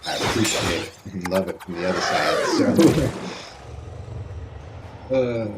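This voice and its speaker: A man's voice: low-pitched, expressive, a little slow. Easygoing man chatting over hiss. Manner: rambling, easygoing, laughs often. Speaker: variety game streamer. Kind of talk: casual chat with viewers while gaming. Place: home streaming room. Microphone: desk microphone.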